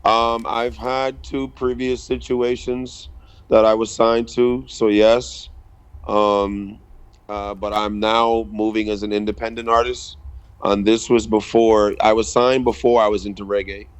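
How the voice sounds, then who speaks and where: A man from the Bahamas, a reggae artist in his thirties, giving a casual radio interview in a measured, hesitant way with many ums. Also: lowish voice, little pitch movement, clear, resonant tone. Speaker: guest reggae artist and producer.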